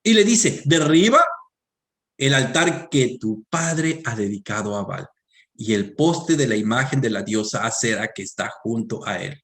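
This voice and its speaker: A man preaching a sermon, reading scripture aloud and speaking directly to the congregation, rising to loud emphatic peaks and dropping to quiet low asides. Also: expressive, normal speed. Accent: Latin American Spanish.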